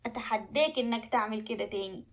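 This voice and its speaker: Woman doing a bright, brave storybook princess. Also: on the high side, quick pace. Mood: coaxing. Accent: Egyptian Arabic. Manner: sweet and coaxing, then firm. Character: brave clever young princess, calm and sharp.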